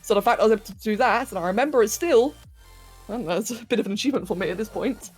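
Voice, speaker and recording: A young woman hosts a casual livestream while sculpting, reading chat, greeting viewers, and laughing as she talks to her pets. Her mid-range voice is fast and slightly rough, with faint music behind.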